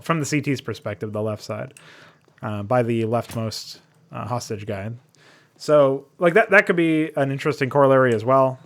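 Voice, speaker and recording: A man's voice: medium pitch, fairly bright tone. A man reviewing a game map in casual commentary, thinking aloud with frequent fillers and restarts, blunt and now and then profane.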